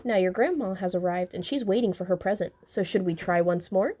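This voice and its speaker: A woman reading the part of a kindly, patient old grandfather owl in a storybook, gentle but firm. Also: medium pitch, fairly quick, lightly acted.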